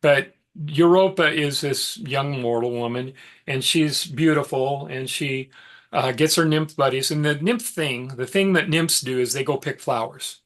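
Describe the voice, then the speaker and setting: A man's voice: mid-range voice, unhurried, fairly bright tone. Chatty man telling myths in a lecture. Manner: conversational, with fillers and asides. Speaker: mythology teacher. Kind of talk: informal lecture storytelling.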